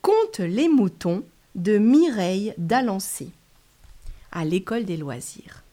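A woman telling a story to children, lively and speaking straight to her listeners. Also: mid-range voice, slow. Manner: lively, addresses listeners directly.

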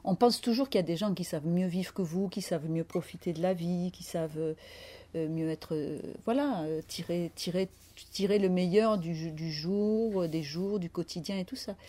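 Woman, 50s, author being interviewed, reflective, searching for words, lowish voice, mellow tone. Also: moderate pace. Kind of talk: interview conversation.

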